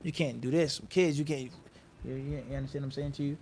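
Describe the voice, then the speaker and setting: In a rough recording, a man with a mid-range voice talks fast while teaching a live-streamed Islamic class in a mosque. He prompts his audience with questions and half-finished sentences for them to complete, mixing Arabic into his English throughout this conversational lecture.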